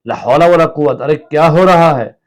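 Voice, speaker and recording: A man's voice: mid-range voice, moderate pace, natural voice. A man reading a play aloud and voicing a sick, irritable husband who groans and snaps at everyone.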